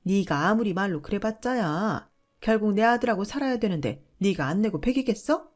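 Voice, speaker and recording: A woman voicing a domineering, loud middle-aged mother-in-law who scolds and belittles in a shrill voice. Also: lively intonation, normal speed, faint music behind, lightly acted. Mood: scolding.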